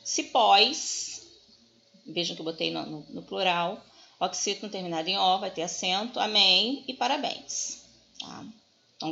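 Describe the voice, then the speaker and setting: Bright-voiced woman teaching a lesson. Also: mid-range voice, creaky, muffled recording. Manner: explanatory, addresses students directly, stresses examples. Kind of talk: online grammar lesson.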